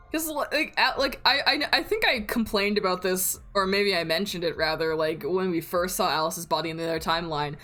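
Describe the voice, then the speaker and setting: A woman streamer giving casual, excitable commentary while playing a game, laughing and swearing often. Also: on the low side, fairly quick, few pauses. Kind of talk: casual let's-play commentary.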